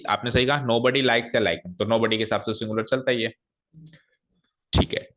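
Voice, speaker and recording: Bright-voiced male grammar teacher. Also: medium pitch. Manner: explains step by step, asks students questions. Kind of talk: classroom grammar lesson.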